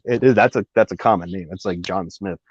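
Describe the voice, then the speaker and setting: A man's voice: deep voice, fairly quick, husky, no room sound. Rambling man telling a story. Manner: rambling, many fillers and asides. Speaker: guest telling a personal story. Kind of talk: casual conversational storytelling. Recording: dry, slightly dull recording.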